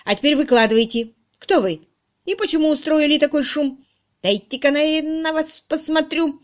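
A woman voicing a loud, bossy middle-aged charwoman in an audiobook, brusque and exclaiming. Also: medium pitch, animated, moderate pace, lightly acted. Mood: blunt. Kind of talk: audiobook reading.

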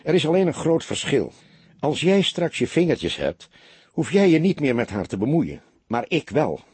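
A man's voice: a little high, very animated, moderate pace, darkish tone, slightly rough, no echo, pitched above the performer's own voice, full character voice. A man voicing a weary middle-aged police detective who speaks tersely and with dry sarcasm, barking out notes. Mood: sarcastic.

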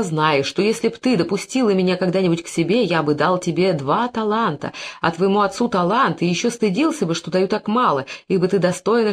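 A reader voicing a scheming, flattering Phoenician moneylender in an audiobook, oily and wheedling in manner. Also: mid-range voice, breathy edge. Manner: oily flattery turning to angry cursing. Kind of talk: audiobook character reading.

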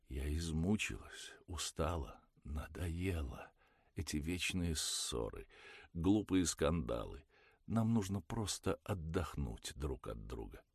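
A tired young woman near tears, pleading softly in a husky low tone over a dry close mic, as a male audiobook reader puts her on. she sounds worn out and pleading rather than angry. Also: no room sound, heavily acted. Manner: pleading, plaintive, quiet. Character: weary tearful young woman, tired of quarrels.

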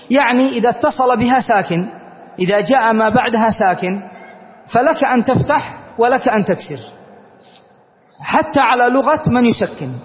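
A man from Yemen gives a classical grammar lesson in a high, light voice. He explains patiently and keeps checking that his students are following. The recording is dull and lo-fi, with long reverb from the hall. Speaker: Islamic scholar teaching grammar.

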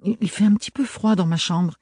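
A man reading an audiobook, voicing a polite, curious young woman in a gentle, raised voice. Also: high voice, fairly quick, slightly rough, no room sound, clean studio sound, voice pushed up. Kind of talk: audiobook character voice.

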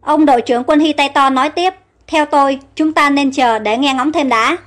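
A deferential army captain, read by a woman narrator offers careful, polite counsel. Her voice stays high. Soft music plays underneath. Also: normal speed. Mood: advising. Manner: polite, advising.

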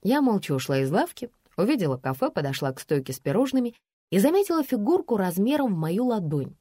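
A woman reads a first-person storybook, her voice rising and falling with lively, wry turns. The sound is dry and close, with no room around it. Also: medium pitch, fast talker, slightly rough, no room sound. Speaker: audiobook narrator.

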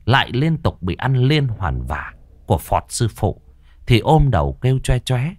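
A man's voice: medium pitch, big pitch swings, measured pace, no echo. A man narrating a horror story vividly.

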